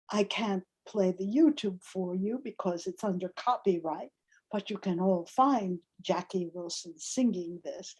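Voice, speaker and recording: An older woman lecturing in an online academic seminar, measured and deliberate. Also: mid-range voice, mellow, husky, rough recording. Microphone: video call.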